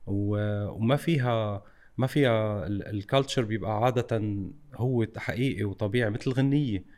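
A man's voice: fairly low pitch, moderate pace, a little mellow. A man with a Levantine Arabic accent from Lebanon, interviewing in a casual, reflective way and slipping English phrases into his speech.

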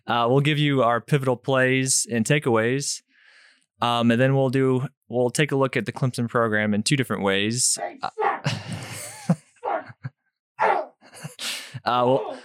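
A man's voice: mid-range voice, sing-song, moderate pace, clear, resonant tone, dry recording, clean studio sound. A man hosting a casual sports podcast, often laughing as he talks. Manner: laughs often, amused, loose delivery. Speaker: podcast host.

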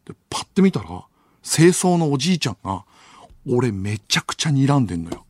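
A man's voice: medium pitch, very animated, a little fast, darkish tone, dry recording, clean studio sound. A man hosting a late-night radio show, telling a long story with sound effects and bursts of laughter. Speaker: radio host. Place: radio studio. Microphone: studio microphone.

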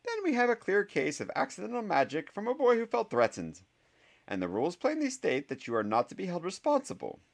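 A man's voice: high-pitched, wildly swooping pitch, a little fast, vocal fry, pitched above the performer's own voice, exaggerated voice. A man voicing a stern, dumpy older woman professor who speaks in an icy, clipped, skeptical way.

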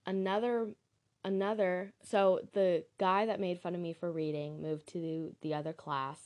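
Low-voiced young woman telling a story. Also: little pitch movement, measured pace, a little mellow. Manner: candid, swears, laughs at her own story. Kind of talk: casual storytelling.

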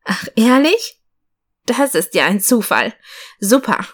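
A young woman in a storybook frets and pleads, her voice pitched a little higher than the reader's usual. A woman reads her lines, staying close to her own tone. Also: sing-song, takes it slowly, exaggerated voice. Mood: pleading. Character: young woman passenger, anxious twin sister.

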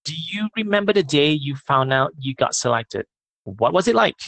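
A man co-hosting a casual podcast, explaining things in a steady, thoughtful way. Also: on the high side, moderate pace, gravelly, rough recording. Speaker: podcast co-host.

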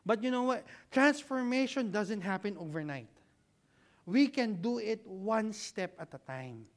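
A preacher delivering a sermon at an unhurried, deliberate pace. The voice sits at an ordinary middle pitch. They pose rhetorical questions, answer them, and keep checking in with the listeners with a quick "right?". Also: expressive. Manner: conversational, humorous asides to the congregation.

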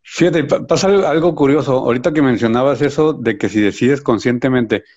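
A man's voice: medium pitch, a little fast, darkish tone. A man chatting casually in an easygoing, reflective way. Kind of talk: casual chat. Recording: dull lo-fi audio.

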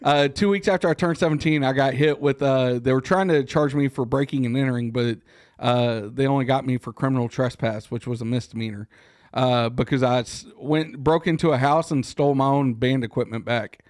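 A man's voice: medium pitch, fairly even intonation, brisk, a little mellow, dry recording. A man joking in casual podcast chat, recorded on a close studio mic. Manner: joking, laid-back. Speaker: podcast guest.

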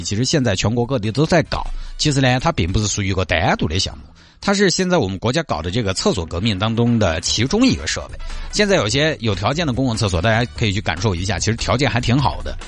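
A man's voice: mid-range voice, very animated, quick pace, soft background music. A man with a Sichuan accent hosts a radio show, giving casual, colloquial commentary on the news and chatting directly to listeners. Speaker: radio host.

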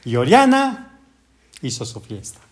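A middle-aged man with a Mexican accent, a stepfather co-hosting a casual family podcast, calm and with dry humor. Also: medium pitch, unhurried. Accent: Mexican Spanish.

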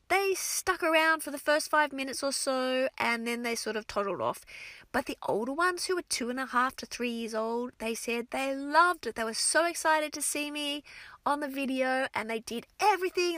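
A woman who teaches French to young children, giving casual advice to other teachers in an expressive, energetic way with frequent restarts. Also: high voice, dry recording.

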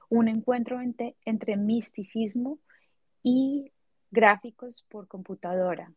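A woman's voice: mid-range voice, a little mellow, no echo. A woman hosting a podcast, reading a guest introduction and asking friendly questions. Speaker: podcast host. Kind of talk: interview hosting.

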